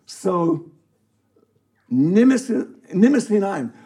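A man's voice: high-pitched, sing-song, very slow, dark tone, husky. A man preaching a sermon, reading scripture aloud and praying, emphatic and calling out to his listeners, with English words mixed into his German. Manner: emphatic, calls out to the congregation.

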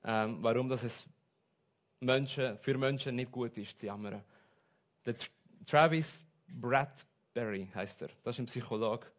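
A man preaching a sermon, switching between soft asides and loud, stressed points. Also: medium pitch, a little slow. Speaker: pastor.

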